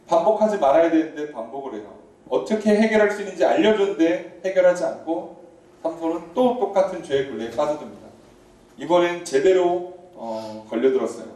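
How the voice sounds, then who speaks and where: A male pastor preaching a sermon in a church, talking to the congregation in a conversational, animated way and asking them questions. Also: fairly high pitch. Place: church sanctuary. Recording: echoey church hall, voice from far off.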